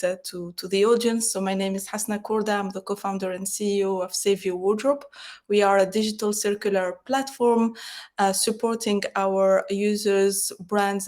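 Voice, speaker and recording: A woman's voice: medium pitch, a little mellow. A woman entrepreneur from Tunisia presenting her company at a conference, speaking hesitantly with many fillers and restarts.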